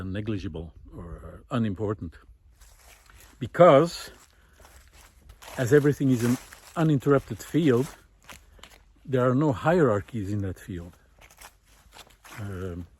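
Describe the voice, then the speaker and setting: Walking outdoors through a village among vineyards, a man with a medium-pitched, darkish voice films a reflective, unscripted monologue for his walking talk series. He muses hesitantly, with trailing asides.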